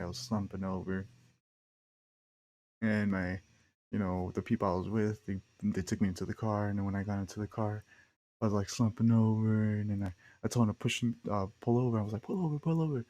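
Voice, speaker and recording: A young man on a podcast, talking in a loose, rambling way, full of slang and fillers. His voice sits fairly low, with a gravelly edge and a dark, mellow tone. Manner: rambling, slangy, laid-back with frequent fillers. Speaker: podcast host. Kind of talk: casual storytelling monologue.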